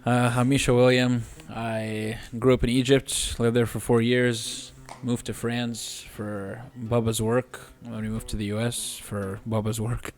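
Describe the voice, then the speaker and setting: A physical therapist in his twenties talks casually as a podcast guest, earnest and steady, though he sometimes restarts a sentence. His voice is medium in pitch, and he speaks unhurriedly with few pauses.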